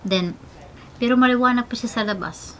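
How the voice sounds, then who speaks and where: A woman's voice: on the high side, normal speed, a little hiss or hum. A woman from the Philippines chatting casually in her vlog, mixing in English and cooing at her dog now and then. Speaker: vlogger. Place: outdoors at home in the evening.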